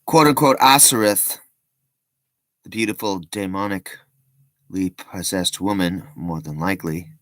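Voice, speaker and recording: Man, vlogger; low, dry voice; casual rambling commentary with frequent restarts. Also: a bit bright, dry recording. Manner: rambling, self-interrupting with joking asides.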